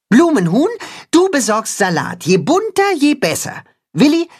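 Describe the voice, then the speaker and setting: A clever cat-hen from a children's storybook barks out orders, as a man puts her on. The voice is raised, brisk and commanding, swinging widely in pitch with a husky grain. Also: heavily acted. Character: clever cat-hen, bossy little leader.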